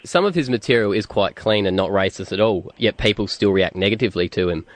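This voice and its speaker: A man, reporting and asking interview questions in a measured news style. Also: lowish voice, no echo.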